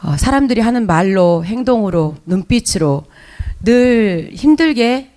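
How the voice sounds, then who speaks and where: A woman's voice: medium pitch, lively intonation, unhurried, dark tone. A woman with a Jeolla Korean accent tells her own story of faith before a congregation. She speaks in an emotional, confessional way. Her words are broken by hesitant fillers and restarts. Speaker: church member giving testimony. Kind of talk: spoken personal testimony in church.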